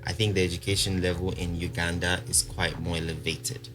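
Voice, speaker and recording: A young man from Congo with a South African accent, guesting on a podcast, tells his life story in a casual storytelling interview. His deep voice moves briskly, and he is animated, loose and laughing, with many fillers. Music plays in the background.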